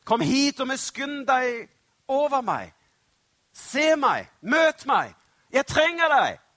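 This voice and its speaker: A preacher acting a desperate blind beggar crying out. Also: male voice, very high voice, sing-song, no echo, pitched above the performer's own voice, exaggerated voice. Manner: loud pleading cries. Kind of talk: sermon storytelling.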